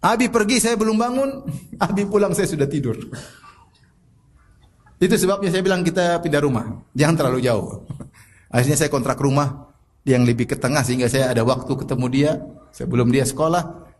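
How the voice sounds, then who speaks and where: A middle-aged man preaching a sermon, pressing the listener with repeated rhetorical questions and telling personal stories with a soft laugh. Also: on the high side, moderate pace, long pauses. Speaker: Islamic preacher.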